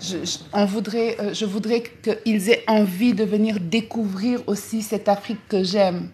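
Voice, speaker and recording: A woman speaks to her followers on a live travel vlog. She talks at a middle pitch and stops often, with a stream of fillers and repeated words. A faint hiss sits behind her. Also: fairly even intonation, measured pace, mellow. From Senegal. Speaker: travel vlogger.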